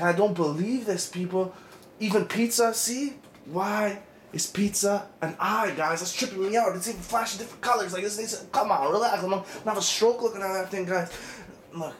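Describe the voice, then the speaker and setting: A man's voice: high voice, roomy sound. A man doing a frantic, rambling parody rant that keeps calling out to "people". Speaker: comedic conspiracy vlogger.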